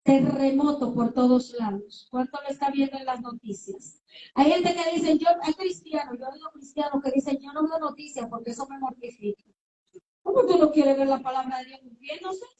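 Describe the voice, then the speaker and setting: A woman's voice: high voice, normal speed, dark tone. A woman preacher giving a sermon. She speaks emphatically, asks rhetorical questions and acts out little dialogues. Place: church sanctuary. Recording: echoey room, voice from far off the mic.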